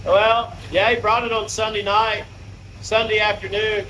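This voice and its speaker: A man's voice: high voice, little pitch movement, a little slow, roomy sound, background noise. A man, a mechanic chatting casually in a folksy, plainspoken way while he works. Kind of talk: casual chat while working on a truck.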